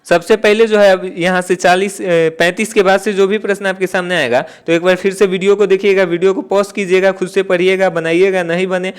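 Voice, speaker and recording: A man's voice: high-pitched, flat delivery, brisk, few pauses, clear, resonant tone. A man teaching an exam-prep grammar lesson, explaining step by step, asking and answering his own questions and repeating key points. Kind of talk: classroom-style exam lesson.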